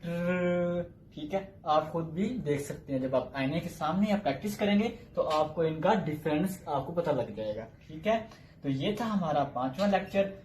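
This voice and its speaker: A man teaching a recorded language lecture, slowly drilling single sounds and repeating and explaining each one. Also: a little high, lively intonation, darkish tone, a little hiss or hum. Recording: echoey room.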